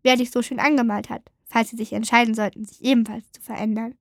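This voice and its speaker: Lady doing a perky, self-assured mouse artist, kinda high, storybook vibe. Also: level tone, fast talker, vocal fry, dry recording, studio quality. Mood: kind. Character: proud, cheerful artist mouse, female.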